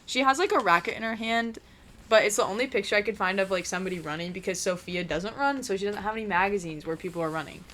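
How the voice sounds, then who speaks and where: Young woman, mid-pitch, chatty storyteller voice for a crafting vlog, faint noise underneath. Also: quick pace, a bit bright. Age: young adult. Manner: chatty storyteller, many "like"s and fillers. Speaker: vlog co-host. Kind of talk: casual chat while crafting. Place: indoors at a craft table.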